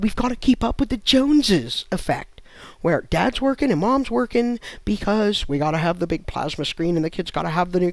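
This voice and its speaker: Gravelly man ranting bluntly. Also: high voice, no echo. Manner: blunt, lecturing, sarcastic. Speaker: host ranting to camera. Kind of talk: comic rant monologue.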